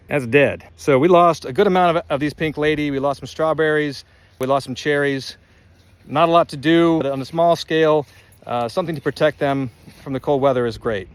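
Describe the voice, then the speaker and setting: A man's voice: a little high, clear, resonant tone, no echo. A man who farms an orchard, giving practical, down-to-earth advice on caring for fruit trees while standing outdoors among them. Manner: plain-spoken, down-to-earth. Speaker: orchard farmer.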